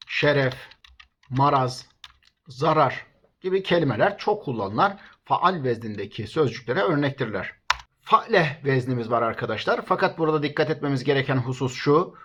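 A man's voice: fairly high pitch, a bit bright. A man teaching a recorded language lesson, reading out lists of example words one at a time and speaking to his students as friends. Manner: reads word lists slowly, one word at a time; addresses listeners as friends.

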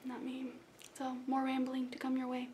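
In a small bedroom, a young South Florida woman records a casual, rambling intro vlog on a webcam placed close to her. Her high, warm voice is delivered completely flat at a normal speed, and she's self-deprecating; a bit of background noise can be heard.

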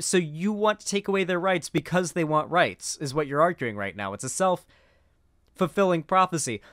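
A bright, slightly high-voiced American guy in his 20s does casual reaction commentary as a live-streamer and political commentator, indignant and sarcastic, tripping over his words and cursing freely. He's on a close boom mic in a small home streaming room, and the sound is dry with no room tone.

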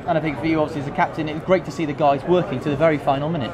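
A man asks quick, leading questions for a club TV channel at a very fast clip and in a slightly high voice. A crowd murmurs clearly behind him at the ground. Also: steady tone. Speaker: club TV interviewer. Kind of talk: post-match interview questions. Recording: outdoor stadium with crowd noise.

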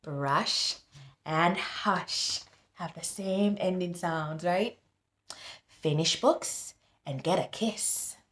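A woman in her thirties, working as a tutor, reads a picture book aloud to young children in an expressive, deliberate way and often prompts them with questions. Her voice is on the low side, and the small plain-walled indoor room gives a roomy sound.

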